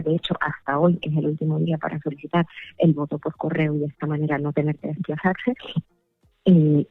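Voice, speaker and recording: A low-voiced woman from Colombia speaks with a Caribbean Spanish accent. She gives spontaneous interview answers, searching for words and repeating some. The sound is thin and narrow, like a dry telephone line. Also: no room sound. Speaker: parliamentary candidate, interview guest. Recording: phone-like narrow band, dry.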